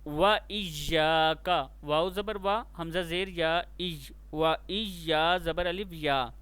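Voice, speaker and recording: A man leads a recitation lesson at a very slow, deliberate pace. He spells out each letter and vowel mark before chanting the word, drawing out the long vowels. His voice is smooth and resonant, recorded close and dry, with a slightly raised pitch. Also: fairly bright tone, no room sound. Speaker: Quran recitation teacher.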